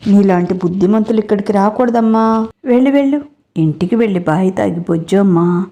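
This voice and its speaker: A woman's voice: mid-range voice, normal speed, dark tone, natural voice. A woman voicing a drunk young woman who taunts and mocks, in a storybook reading. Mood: mocking. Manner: taunting, jeering.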